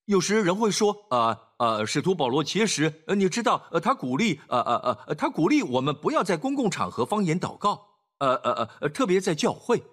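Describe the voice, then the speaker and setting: Husky, high-voiced man preaching a sermon. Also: sing-song, a little fast, a bit bright. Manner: emphatic, frequent filler sounds, sprinkles "Amen".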